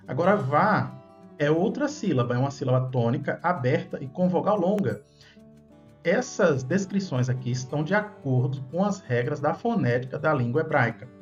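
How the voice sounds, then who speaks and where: A man's voice: on the high side, darkish tone. Man teaching, patient tag questions. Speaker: Bible language teacher. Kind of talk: explanatory video lesson. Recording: dull lo-fi sound. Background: faint background music.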